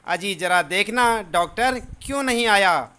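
Fretful storybook mother soothing her boy, read by a male teacher, bright and high. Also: expressive, unhurried, clean tone, exaggerated voice. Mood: coaxing, anxious. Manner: coaxing, fussing. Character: worried caring mother of a sick boy.

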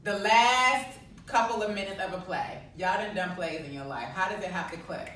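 A woman coaching an acting class, animated and pushing her student hard. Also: medium pitch, moderate pace, slight background noise. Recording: roomy distant room mic.

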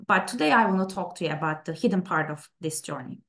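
A woman in her thirties, a native Turkish speaker who grew up in Turkey, presents her research in a webinar. She speaks in a fairly low voice, pausing often with fillers and starting sentences over. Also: animated, fairly bright tone. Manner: halting, many fillers and restarts. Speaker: plant scientist speaking at a webinar. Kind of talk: presentation talk over slides.

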